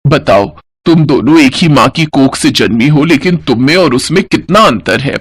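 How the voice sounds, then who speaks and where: A man's voice: mid-range voice, animated, moderate pace, breathy edge, no room sound, voice pushed down. A man voicing a stern middle-aged mother-in-law in a storybook cartoon. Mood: complaining. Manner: scolding, firm.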